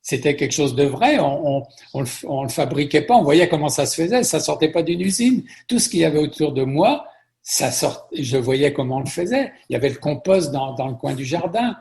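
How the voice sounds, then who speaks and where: Middle-aged French-born man, interview guest, gravelly voice, chatty storyteller who repeats himself. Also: fairly high pitch, animated, fairly quick. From France. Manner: warm storytelling with frequent repetitions. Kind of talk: conversational interview.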